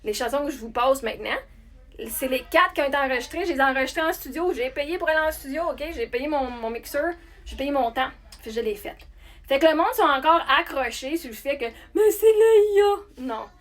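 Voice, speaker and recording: A woman with a Québécois accent, a singer talking casually to her followers in a chatty, animated way with many restarts. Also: sits high, a little fast. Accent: Québécois French. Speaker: singer and content creator. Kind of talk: casual talk to camera.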